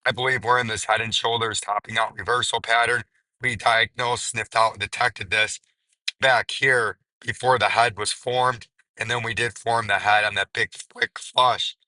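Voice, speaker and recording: A man hosting a market commentary video, hoarse and raspy, his strained voice nearly gone. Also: on the low side, fairly even intonation, normal speed, bright, forceful tone, no room sound, rough recording. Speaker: crypto video host.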